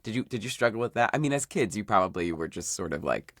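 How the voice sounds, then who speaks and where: A man hosting a podcast interview from a basement studio, enthusiastic and quick to laugh. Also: lowish voice, animated, no echo. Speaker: podcast host. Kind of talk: casual interview chat. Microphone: studio mic.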